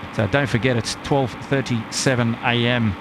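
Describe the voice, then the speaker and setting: A man's voice: medium pitch, fairly even intonation, normal speed, noisy background. A man hosting a live stream with casual, matey, rambling plane-spotting commentary and frequent hesitations.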